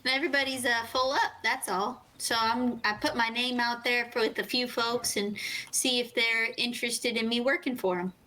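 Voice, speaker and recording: Bright folksy young woman. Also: on the high side, fairly even intonation, moderate pace, rough recording. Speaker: roleplay player. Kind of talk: in-character roleplay chat.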